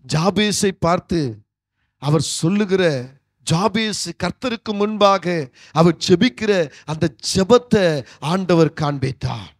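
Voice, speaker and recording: A middle-aged man preaches, his voice pitched very high and swelling with fervour as he prays. The sound is close and dry, with no room around it. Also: slow, pauses often, dry recording. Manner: fervent, climbing loud when praying. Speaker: pastor. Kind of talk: sermon.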